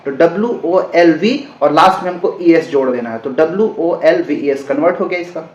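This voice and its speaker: A man teaching an exam-prep grammar lesson, who explains slowly, spells words out letter by letter and keeps checking that students follow. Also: on the high side, darkish tone, reverberant, highs cut off. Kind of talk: classroom-style grammar lesson.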